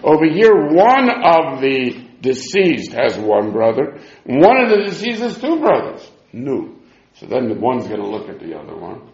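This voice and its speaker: In a dull room with echo, a Talmud teacher leads a casual religious text lesson in an unhurried, medium-pitched voice with big pitch swings. His sing-song reasoning has him asking his own questions and then answering them.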